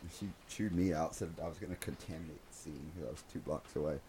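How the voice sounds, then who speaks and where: A very low-voiced man tells war stories from his police days in a relaxed conversation. He gets animated, jumping into exaggerated voices for the people in his tales. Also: fast talker, background noise. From United States. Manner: animated storyteller, acts out voices in quotes. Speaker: podcast host, former police officer. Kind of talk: casual storytelling chat.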